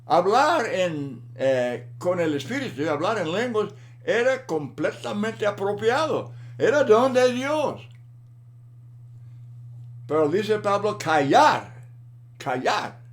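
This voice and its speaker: A man giving a Bible lesson in a slow, deliberate manner, often repeating words for emphasis. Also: high-pitched, very animated. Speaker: Bible teacher.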